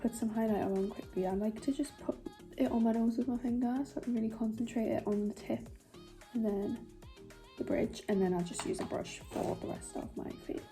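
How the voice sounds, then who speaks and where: A woman's voice: fairly high pitch, brisk, mellow, faint music behind. A young woman with a Geordie accent chatting in a rambling, self-mocking way while doing her makeup for a vlog. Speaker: beauty vlogger.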